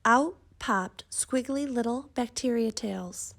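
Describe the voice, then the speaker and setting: High-voiced woman reading a storybook slowly. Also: fairly bright tone. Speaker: children's story reader. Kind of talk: expressive storybook read-aloud.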